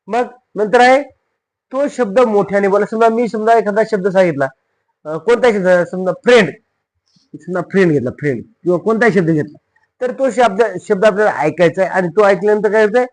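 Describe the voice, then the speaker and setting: A high-voiced man, an English teacher, gives a spoken classroom-style spelling lesson. He asks the students questions and answers them himself, spelling words slowly letter by letter.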